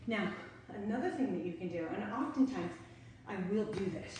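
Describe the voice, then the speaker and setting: A woman's voice: medium pitch, animated, moderate pace, darkish tone, a little hiss or hum. A middle-aged woman giving casual workout instruction while exercising at home, chatty and short of breath between bursts. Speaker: fitness instructor. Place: home room near stairs. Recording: echoey room, camera far off.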